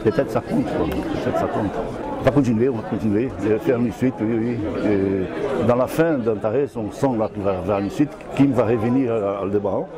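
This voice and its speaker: Older Brazilian man, halting French, crowd. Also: on the low side. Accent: Brazilian Portuguese. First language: Portuguese. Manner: hesitant, searching for words, halting restarts. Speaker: comic book author. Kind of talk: interview answers.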